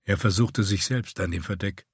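A man reading a fantasy story aloud in steady, measured narration. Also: low-pitched, husky, no echo, studio quality. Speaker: audiobook narrator. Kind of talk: scripted narration.

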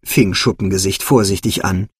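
Man reading a storybook aloud, husky voice, dry close sound. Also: low voice, normal speed, no room sound. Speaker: narrator. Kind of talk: storybook narration.

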